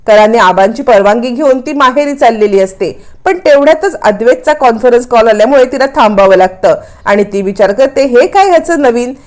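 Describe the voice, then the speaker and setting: A woman's voice: fairly high pitch, a little fast, hardly any pauses. Female storyteller recapping a serial episode, explanatory tone.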